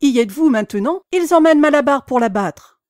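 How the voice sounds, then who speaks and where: A grumpy old male donkey from a storybook reading, biting off each word with slow, emphatic scorn, put on by a woman reader. The voice sits a little high and sounds close and dry, with no room around it. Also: dark tone, no echo, close to an everyday voice. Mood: scornful.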